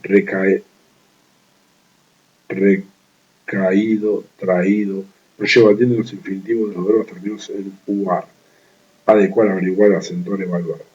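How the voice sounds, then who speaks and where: A man with a fairly low, mellow voice reads a study text aloud at an even, methodical pace. He stops to repeat words he trips over and slips in short offhand comments. The recording sounds dull and lo-fi. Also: normal speed. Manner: reads steadily, restarting stumbled words, with brief offhand asides. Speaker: law study reader. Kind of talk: reading a legal writing manual aloud.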